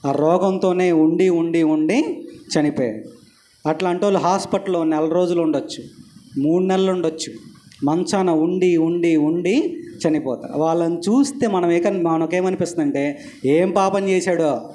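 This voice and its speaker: A man's voice: on the high side, moderate pace, warm tone. A middle-aged male pastor preaching a sermon, telling a story and putting questions to the congregation.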